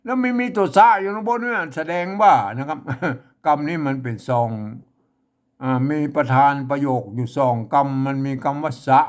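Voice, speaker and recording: A man's voice: on the high side, big pitch swings, moderate pace. Chuckling man sounding out old script. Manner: chuckles often, repeats words while sounding them out. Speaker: teacher of old Lanna script. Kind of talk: casual reading lesson.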